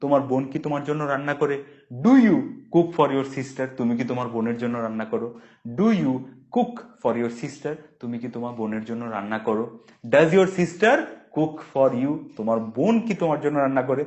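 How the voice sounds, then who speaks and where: A man with a Bengali accent giving a spoken English lesson, drilling English phrases slowly and explaining them quickly. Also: medium pitch, darkish tone. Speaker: English tutor. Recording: dull lo-fi sound.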